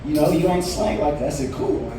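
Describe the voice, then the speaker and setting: This stand-up comedian in his late forties talks briskly in a warm voice on the high side. He delivers laid-back stories with punchlines from a bar stage, his voice distant in the roomy room with slight hiss or hum.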